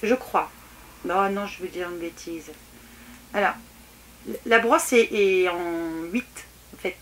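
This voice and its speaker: A woman's voice: on the low side, slow pace. A woman chatting casually through a beauty box unboxing, hesitant and full of restarts. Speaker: beauty vlogger. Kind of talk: casual product unboxing review. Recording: faint background noise and clicks.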